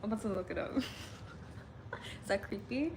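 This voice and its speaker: Slow, chatty young Midwest woman. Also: medium pitch, expressive, noisy background. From Illinois, US Midwest. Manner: chatty, giggly, says "like" often. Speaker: livestream host. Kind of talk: casual livestream chat reading comments.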